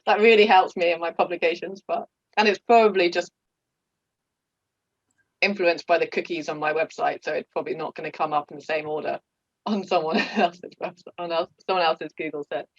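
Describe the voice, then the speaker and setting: A woman's voice: fairly low pitch, fairly even intonation, brisk, no echo. A woman in her thirties hosting a casual interview, friendly and giggly, with frequent fillers. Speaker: podcast host. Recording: dull, dry lo-fi audio.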